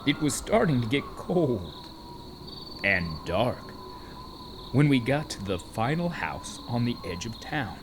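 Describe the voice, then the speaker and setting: A weary donkey, voiced by a man, recounts his journey in a children's audio drama. He takes his time with dramatic pauses and a very lively pitch. Animal and cricket noises sit clearly behind him. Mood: weary storytelling. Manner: deliberate storytelling with dramatic pauses. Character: Eli, a weary, aggrieved male donkey telling his journey. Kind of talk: first-person children's audio drama narration. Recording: noisy, with animal and cricket ambience.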